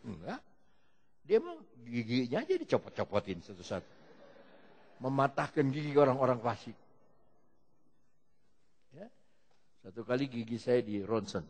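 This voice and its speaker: A man preaching an animated sermon, telling stories and moving between loud exclamations and quiet asides, with a gravelly voice. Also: mid-range voice, normal speed, long pauses. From Indonesia. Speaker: pastor. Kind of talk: lively sermon with storytelling. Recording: long hall reverb.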